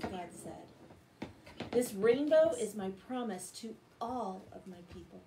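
A middle-aged American woman with a fairly high, dark-toned voice reads Bible stories to children and talks with them in a bedtime-story manner. She's recorded indoors in her living room on a device set a short distance away, and the low-quality audio carries slight background noise.

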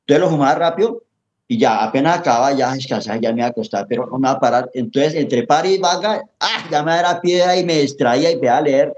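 A middle-aged Colombian man with a Colombian accent, appearing as an interview guest, gives an earnest, preachy personal testimony in an emotional but casual chat, often calling the host brother, papi, and hermano. His voice is fairly high, fast, and a little mellow, on a lo-fi recording with slight hiss or hum.

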